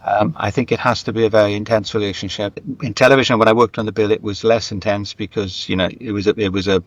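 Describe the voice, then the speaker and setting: Recorded without echo but sounding muffled, a middle-aged screenwriter and radio dramatist speaks fast in a fairly low, steady voice. As an interview guest he reflects on career anecdotes thoughtfully and emphatically, repeating phrases to drive points home.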